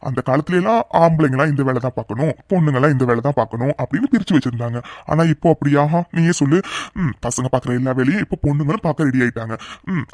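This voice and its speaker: Brief: a man playing a chatty, teasing young cartoon husband, quick delivery, dry close recording. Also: a little high, darkish tone, no echo, close to an everyday voice.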